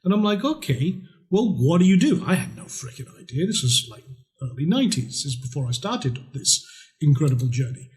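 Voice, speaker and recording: Middle-aged man, raised voice, casual blunt pitchman for an online course. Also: sing-song, a little fast, a little mellow. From Scotland. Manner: chatty, blunt, with mild swearing. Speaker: trading course presenter. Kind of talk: conversational sales pitch.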